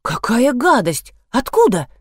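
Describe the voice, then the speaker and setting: A woman's voice: on the high side, expressive, moderate pace, a little mellow, no room sound, studio quality, lightly acted. A woman voicing a fussy, indignant middle-aged mother who exclaims.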